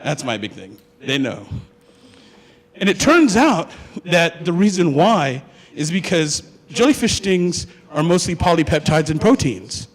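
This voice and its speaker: With a highish voice, big pitch swings, and a slightly slow delivery, a young Hawaiian student recounts his own story for laughs. He keeps it chatty, cracks jokes, and asks the audience questions, all in a recording with long hall reverb.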